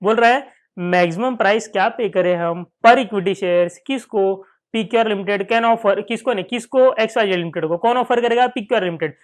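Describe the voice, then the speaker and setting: A man's voice: high voice, moderate pace. Indian guy teaching finance in hindi-english, keeps asking himself questions, repeats stuff a lot. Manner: asks and answers his own questions, repeats key points; acts out students' questions in dialogue. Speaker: finance lecturer. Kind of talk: Hindi-English classroom lecture.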